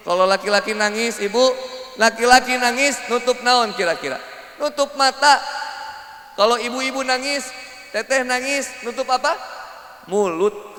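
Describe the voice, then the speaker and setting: Brief: high, bright-voiced male preacher, Sundanese accent, jokey live sermon, big hall echo. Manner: joking, mixes Sundanese into Indonesian, acts out quoted dialogue. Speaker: Islamic preacher. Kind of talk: humorous sermon to a village crowd. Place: live village religious gathering. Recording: echoey hall reverb.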